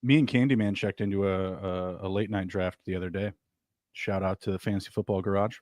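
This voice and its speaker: A man's voice: deep voice, fairly even intonation, a little fast, darkish tone, no room sound, clean studio sound. A man co-hosting a live-stream talk show, joking and ribbing his co-host and often repeating himself for emphasis. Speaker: podcast co-host. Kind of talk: casual live-stream banter.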